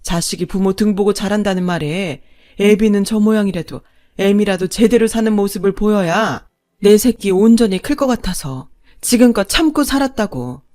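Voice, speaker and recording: Woman doing an older mother-in-law who's had enough, loud and scolding. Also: medium pitch, normal speed, natural voice. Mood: furious. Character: older mother-in-law woman, long-suffering turned defiant.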